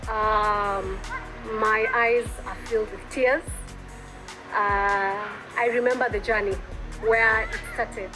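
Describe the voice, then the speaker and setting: A Kenyan woman with a Kenyan accent speaks earnestly and reflectively, pausing now and then. Her voice sits a little high, with clear music running behind it. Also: rough recording. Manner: earnest, reflective, pauses with fillers. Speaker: entrepreneur, interview guest. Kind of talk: interview answers.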